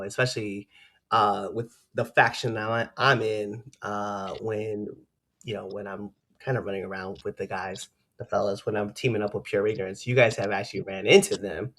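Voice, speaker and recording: A man chatting casually as an interview host and fellow wrestler, telling stories in an animated, slangy way and laughing often. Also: fairly low pitch. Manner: animated storytelling with slangy asides; laughs often while talking.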